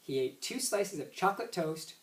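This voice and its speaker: Reading a children's story aloud at normal speed, a man with a high-sitting voice gives an expressive performance, now and then tripping over words and going back over them. A distant mic captures plenty of room echo.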